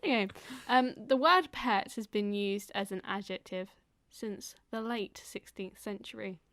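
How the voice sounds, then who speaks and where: A woman's voice: mid-range voice, a little slow, a bit bright. Chatty woman explaining at length. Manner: explains at length, laughs often, lots of fillers. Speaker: podcast co-host. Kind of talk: casual podcast chat.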